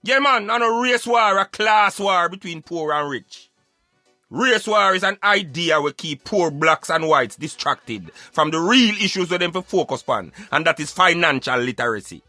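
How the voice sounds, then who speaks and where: Speaking thick Patois, a Jamaican man who hosts a radio show argues his opinions emphatically in a bright, fairly high voice, like a talk show commentator. His intonation is lively and his pace moderate. The sound is dry and close with no room sound, and music plays beneath.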